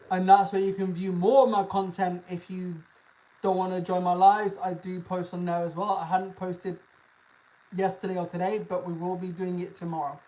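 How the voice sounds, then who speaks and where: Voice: medium pitch, darkish tone, rough recording. Slangy streamer. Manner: informal, slangy, sweary, repeats phrases. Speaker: livestream host, animal content creator. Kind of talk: casual livestream chat.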